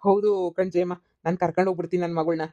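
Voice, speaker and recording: A voice actor playing a sly middle-aged fake father, calm and persuasive. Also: mid-range voice, racing, muffled recording, close to an everyday voice.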